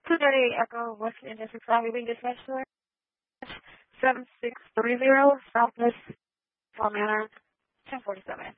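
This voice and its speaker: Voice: medium pitch, steady tone, no echo. Dispatcher voice over walkie talkie, short clipped codes, thin tinny radio sound. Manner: terse, rapid code numbers. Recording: tinny two-way radio channel.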